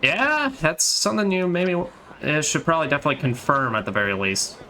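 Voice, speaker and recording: A man's voice: fairly high pitch, expressive, fairly quick, sharp tone, slight background noise. A man casually commenting while playing a game, chatty and joking, often breaking off mid-sentence. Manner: chatty, joking, self-interrupting. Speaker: streamer. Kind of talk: let's play commentary.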